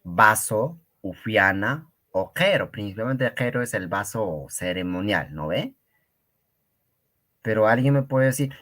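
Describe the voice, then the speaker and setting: Slow, patient male language teacher. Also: mid-range voice, fairly bright tone. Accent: Peruvian Spanish. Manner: patient, repeats words slowly for students. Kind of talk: online class.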